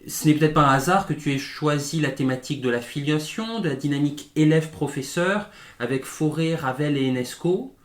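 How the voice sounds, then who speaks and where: A man hosting an interview, asking measured, reflective questions. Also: on the high side. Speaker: interviewer and host. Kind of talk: conversational interview. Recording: echoey room.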